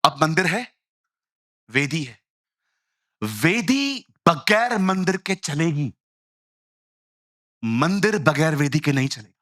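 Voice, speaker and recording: A man preaching a lively sermon in Hindi mixed with English phrases, telling stories and acting out the voices in them. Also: a little high, takes it slowly, long pauses, dry recording, clean studio sound. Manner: animated storytelling, acts out quoted voices, jokey asides.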